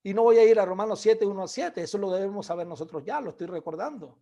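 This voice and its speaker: A man preaching a sermon, earnestly exhorting his listeners and calling them brothers, dropping to a soft low voice on asides. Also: fast.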